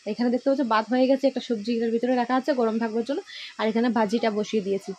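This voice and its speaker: A vlogger from Assam, India, with a Sylheti-influenced Bengali accent, chats casually to viewers as friends while filming her village home's kitchen and yard. Her voice is fairly high, dark and slightly breathy, rapid-fire, with fairly even intonation.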